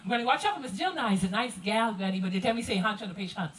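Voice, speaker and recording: A woman voicing a young Gullah woman chattering to her granny in a quick, teasing, sing-song Gullah Geechee dialect. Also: mid-range voice, expressive, far from the mic, a little hiss or hum, lightly acted, rough recording. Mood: playful.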